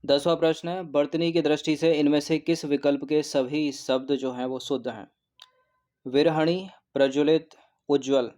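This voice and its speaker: A man giving a recorded exam-prep lesson who explains each answer and repeats words slowly, often adding a quick "okay". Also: on the high side, little pitch movement, darkish tone. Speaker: exam coaching teacher.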